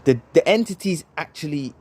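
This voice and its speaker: Preachy man with a fairly high voice. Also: lively intonation, normal speed, background noise. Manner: preachy, repeats phrases, ends points with "right?". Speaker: vlogger responding to another video. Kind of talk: heated commentary monologue.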